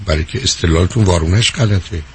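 A man's voice: low-pitched, a little hiss or hum. A man hosting a call-in advice show as a psychologist, who lectures bluntly and scolds the caller. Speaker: radio psychologist host.

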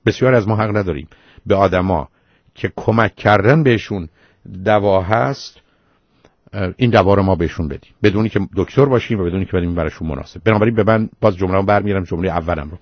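A man hosting a radio call-in show, calmly reasoning through advice to a caller point by point. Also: lowish voice, no echo. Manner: calm, reasoning, lists points in order. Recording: dull lo-fi radio sound.

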